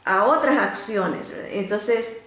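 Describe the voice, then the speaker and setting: Animated woman teaching a Bible lesson. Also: a little slow, reverberant. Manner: animated storytelling, often rising in pitch to act out quotes; frequent filler "este" and restarts. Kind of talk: Bible lesson with personal stories.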